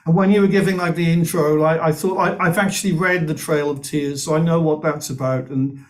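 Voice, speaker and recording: A man's voice: fairly high pitch, fairly even intonation, a little fast. A man from Wales, chatting enthusiastically as a musician guest. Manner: enthusiastic, chatty, repeats himself. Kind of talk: casual video-call chat.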